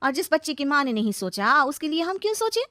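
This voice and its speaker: A woman voicing a scornful, sharp-tongued young sister-in-law in a cartoon story. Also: high voice, big pitch swings, quick pace, no room sound, clean studio sound, pitched above the performer's own voice, heavily acted.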